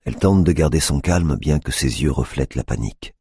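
A man narrating an audiobook in a measured, grave manner. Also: extremely low pitch, dark tone, husky, no echo, clean studio sound. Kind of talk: scripted narration.

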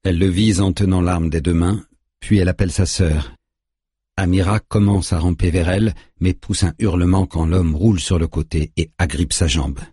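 A man narrating an audiobook in a grave, measured way, recorded on a close studio mic. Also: sits low, fairly even intonation, warm tone, breathy edge, no room sound.

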